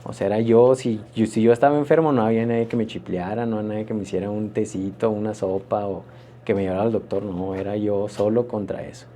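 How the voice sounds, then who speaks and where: A pastor, telling his personal testimony in an interview in an earnest, reflective, halting way. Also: on the low side, fairly even intonation, dark tone, slight background noise.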